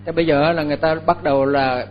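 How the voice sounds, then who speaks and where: An older Buddhist monk, giving a dharma talk. His voice sits fairly high for a man, and he speaks slowly, pausing and repeating words as he goes. A faint hum lies beneath his voice. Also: fairly even intonation, highs cut off. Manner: unhurried, halting, with many fillers and repeated words.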